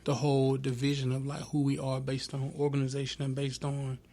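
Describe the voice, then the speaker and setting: A man's voice: mid-range voice, completely flat delivery, a little fast, dark tone. A man chatting casually and colloquially in a group discussion. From small town in Georgia, US. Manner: conversational, colloquial.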